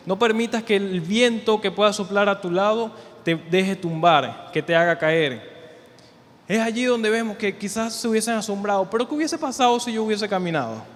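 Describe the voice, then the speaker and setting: A man preaching a conversational sermon, often repeating words as he builds his points. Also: high voice. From Venezuela. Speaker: church leader preaching. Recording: reverberant hall with faint noise.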